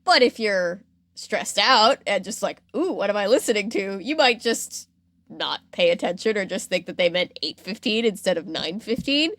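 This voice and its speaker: A female podcast host with an expressive, slightly bright mid-range voice tells stories conversationally at a moderate pace, adding commentary as she goes. She is casual and wry, tossing in playful asides, and the recording is close and dry with no echo.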